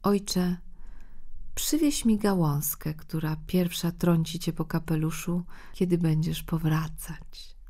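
A woman voicing a gentle young orphan girl who calls out in a sing-song chant. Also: lowish voice, slow pace. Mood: pleading.

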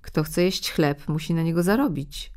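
A woman's voice: deep voice, moderate pace, darkish tone, natural voice. A woman voicing spiteful stepsisters who sneer and give orders. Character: spiteful mocking stepsisters, young women.

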